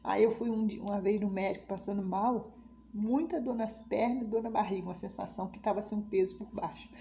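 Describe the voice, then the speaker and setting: Woman, middle-aged, mellow voice, personal testimony with acted-out quotes, faint noise behind. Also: mid-range voice, fairly even intonation, fairly quick, gravelly. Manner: emotional, quotes others' speech, pleading religious tone. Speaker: storyteller. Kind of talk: personal life story, testimony.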